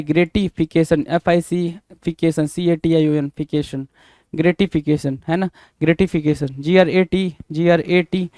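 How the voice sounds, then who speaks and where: High-voiced Indian man spelling words aloud. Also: darkish tone, no room sound, clean studio sound. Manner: spells words letter by letter, asks and answers himself; calls listeners "bhai" often. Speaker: English spelling teacher. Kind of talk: online exam-prep lesson.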